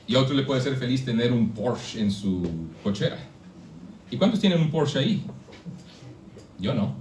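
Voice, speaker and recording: A man's voice: medium pitch, darkish tone, distant mic, slight background noise. A man from Mexico preaching a sermon to a congregation, conversational and full of questions to his listeners. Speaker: pastor. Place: church hall. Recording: echoey church, speaker away from the mic.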